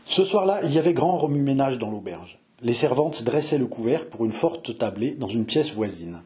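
Male audiobook reader, measured steady narration, mid pitch. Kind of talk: narrating a historical novel aloud.

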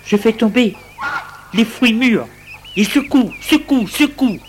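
A reader voicing a scheming young grandson in a storybook tale, in a raised, shrill voice, on a noisy recording with birds chirping. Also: takes it slowly, fairly bright tone. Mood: gleeful. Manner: raised, shrill pitch for the cries.

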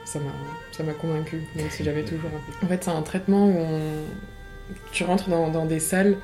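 A young adult woman with a low, dark-toned voice talks a little fast and flatly as she casually shares her experience as a patient in conversation. Guitar music plays behind her testimony.

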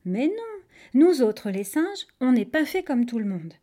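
A woman voicing a clever, quick-thinking male monkey in a storybook reading. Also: high voice, very animated, dark tone, heavily acted. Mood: breezy. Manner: breezy, casual, mocking.

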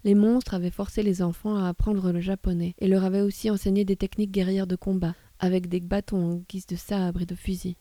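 Calm woman reader of literary fiction, very mellow dark tone, dry close sound. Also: medium pitch, brisk, hardly any pauses, no echo. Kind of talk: literary reading.

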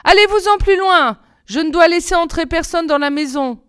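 A woman doing a high, innocent young princess. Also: normal speed, fairly bright tone, no echo, studio quality. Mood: refusing. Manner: high and insistent.

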